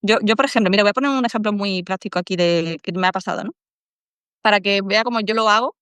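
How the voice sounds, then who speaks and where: Smooth-voiced Andalusian woman, earnest and reflective. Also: medium pitch, fast, dry recording. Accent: Andalusian Spanish. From Málaga, Spain. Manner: earnest, reflective, acts out inner dialogue in soft voices. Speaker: podcast guest. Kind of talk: casual interview chat.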